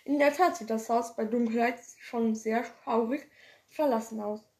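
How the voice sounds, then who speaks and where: A woman's voice: on the high side, fairly even intonation, moderate pace, darkish tone. A woman reading a children's story aloud, often stumbling and correcting herself, with casual asides. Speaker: reader. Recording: roomy echo.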